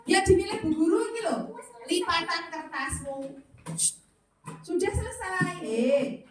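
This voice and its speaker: A woman's voice: extremely high pitch, animated, unhurried. A woman primary school teacher with a Javanese accent, coaxing children with playful questions. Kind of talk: classroom lesson with children. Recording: roomy, far from mic, noisy class. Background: children chattering.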